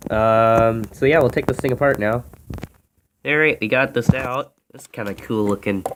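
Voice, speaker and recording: An American radio hobbyist, medium-pitched and speaking at normal speed, casually demonstrates a vintage radio without a script. The handheld phone video is noisy, with audible clicks.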